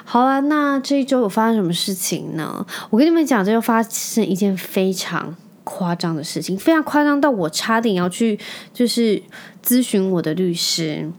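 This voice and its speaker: A woman's voice: mid-range voice, lively intonation, moderate pace. A woman, a podcast host and mother telling a story in a chatty, venting way and dropping in English words. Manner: chatty, vents angrily, drops in English words. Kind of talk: casual storytelling monologue.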